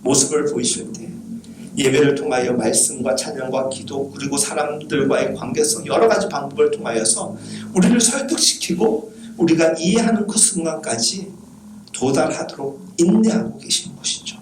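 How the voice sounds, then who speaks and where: Earnest pastor preaching in a roomy space. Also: male voice, on the high side, normal speed, background noise. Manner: soft, earnest preaching with rhetorical questions. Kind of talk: sermon.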